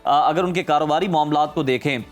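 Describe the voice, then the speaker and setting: A man's voice: on the high side, fairly quick, faint music behind. A man hosting a TV talk segment, asking formal, polite questions. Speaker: TV show host.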